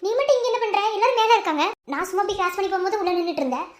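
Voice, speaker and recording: A woman's voice: lively intonation, rapid-fire, reverberant. A woman voicing a curious younger girl in a cartoon, speaking with a Madurai Tamil accent. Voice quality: high cartoon voice. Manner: chatty, questioning.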